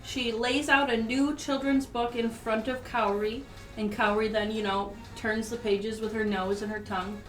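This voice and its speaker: A woman's voice: fairly high pitch, flat delivery, moderate pace, far from the mic. A woman narrating as game master of a tabletop game, casual, chatty and giggly. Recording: roomy, from the mic, faint music.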